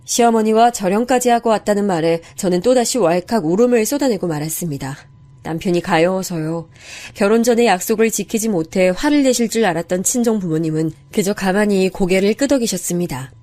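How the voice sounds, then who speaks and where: A woman narrating a dramatic family story in the first person, in a soft, steady storytelling voice. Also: medium pitch, fairly quick.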